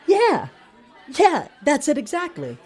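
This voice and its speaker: A woman playing Famine, an uneasy horseman of the apocalypse, rambling and halting in a naturalistic radio comedy. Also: sits high, huge pitch swings, a little mellow, a faint crowd, exaggerated voice.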